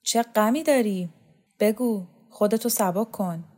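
A barefoot poet-magician of a storybook, calm and enigmatic, as a woman reader voices him. His words come gently and thoughtfully, philosophical and quietly commanding. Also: mid-range voice, close to an everyday voice.

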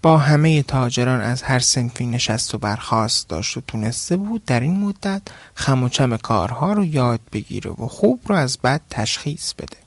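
A man's voice: medium pitch, lively intonation, dry recording. A man narrating a folk tale as a podcast storyteller.

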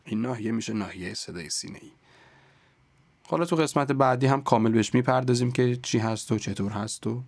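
A man teaching a podcast lesson on voice and speech, explaining calmly and sometimes dropping to a near-whisper to demonstrate. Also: medium pitch, no room sound. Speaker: voice and speech coach.

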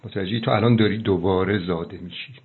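A middle-aged man, a doctor, giving earnest, preachy advice on a phone call, slowing down for emphasis. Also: low-pitched, creaky. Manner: fervent, preachy, slows down for emphasis. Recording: tinny phone line.

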